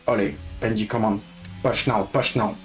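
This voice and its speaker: A calm male race engineer barks short radio commands in a lowered, steady voice, as a streamer puts him on. His delivery is clipped and businesslike, with faint music behind. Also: normal speed, natural voice. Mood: urging.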